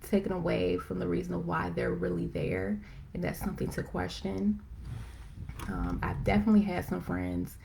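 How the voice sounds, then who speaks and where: A woman hosting a live stream, chatting casually and excitedly with lots of fillers, rambling as she goes. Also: fairly low pitch, creaky, a little hiss or hum. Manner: excited, self-described as talking fast. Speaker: host of a live video chat. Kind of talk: casual faith-based chat. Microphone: phone or computer for a live stream.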